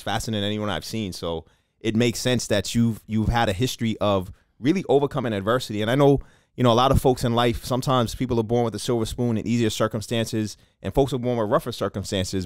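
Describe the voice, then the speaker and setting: A man hosts a podcast interview in a casual, upbeat and encouraging way, using lots of fillers. His voice is on the low side, with clean studio-quality sound and no room echo.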